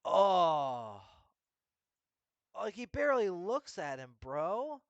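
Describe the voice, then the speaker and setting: A man's voice: fairly high pitch, animated, a little fast, a bit bright, no room sound, highs cut off. Young man, profane heated rant, casual recap host, dry close sound. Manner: profane, heated, swears constantly.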